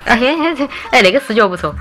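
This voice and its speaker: A woman's voice: on the high side, expressive, fast talker, sharp tone. A young woman with a Chongqing accent, chatting casually and teasingly with viewers during a livestream. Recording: faint music behind.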